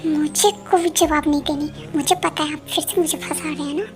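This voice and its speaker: A woman's voice: high voice, steady tone, brisk. A woman voicing an angry, jealous young woman who accuses her partner of abandoning her. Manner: accusing, sulky, fiery. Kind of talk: fan audio drama acting. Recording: music playing behind.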